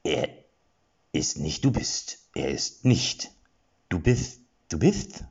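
A man's voice: rumbling low, big pitch swings, slow pace, gravelly, a little mellow, slightly rough, full character voice. A man voicing a young male hero, impatient and easily flustered, in an audiobook, on slightly muffled audio. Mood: exasperated.

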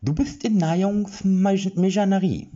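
A man voicing a tiny, ugly creature with a high voice and a lisp in an audiobook, on slightly muffled audio. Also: unhurried, warm tone. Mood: polite. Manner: lisping, quacking.

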